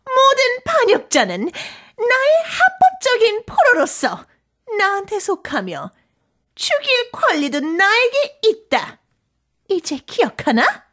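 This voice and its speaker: A woman voicing a cold, imperious witch queen who talks in a shrill, sneering, commanding way. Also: wildly swooping pitch, rapid-fire, a bit bright, heavily acted. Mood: scornful.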